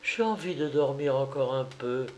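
A man's voice: medium pitch, expressive, moderate pace, close to an everyday voice. A man voicing a cheerful young wife in an audiobook, with a light, lilting delivery. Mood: sleepy. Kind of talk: audiobook character reading.

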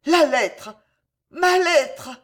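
A woman voicing a young female spy who pleads and cries out in a high, imploring voice. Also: expressive, drawn-out words, full character voice. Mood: desperate.

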